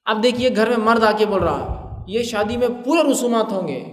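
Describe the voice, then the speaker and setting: A man's voice: sits high, expressive. A man preaching a sermon in a conversational way, asking rhetorical questions and acting out bits of dialogue. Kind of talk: Urdu sermon lecture. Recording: echoey hall reverb.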